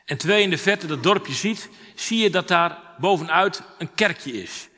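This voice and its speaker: A man preaching a sermon in an animated storytelling manner with dramatic rises. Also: high voice, normal speed. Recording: long hall reverb.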